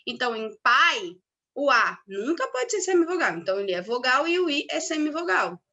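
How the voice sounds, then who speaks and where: A young woman teaching a recorded grammar class with a bright, clear voice. Her pitch swings widely as she leans hard on key words, and she keeps checking in with her students. Her delivery stays explanatory and upbeat. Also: sing-song, normal speed, highs cut off.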